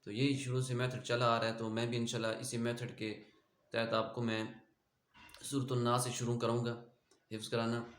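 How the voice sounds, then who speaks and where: Teaching a Quran lesson online, a man with a Pakistani Urdu accent patiently explains pronunciation and recites slowly so students can repeat. His medium-pitched voice is monotone, and the room sounds echoey.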